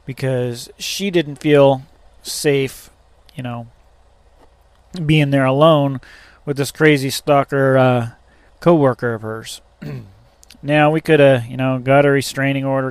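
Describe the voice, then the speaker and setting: A man rambles through a personal story, swearing freely and tripping over fillers and restarts. His pitch sits in the usual middle range, and the sound is close and dry with no room echo. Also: smooth. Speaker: truck driver. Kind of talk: casual storytelling vlog.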